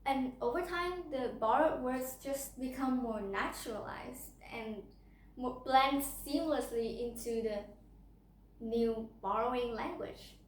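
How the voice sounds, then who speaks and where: An Indonesian teenager with Hokkien as her first language speaks in a high voice at a slow pace, her prepared persuasive speech to camera recorded from a distance in an echoey room. She is a student in a speech contest. She comes across as lively and keeps asking the listener questions.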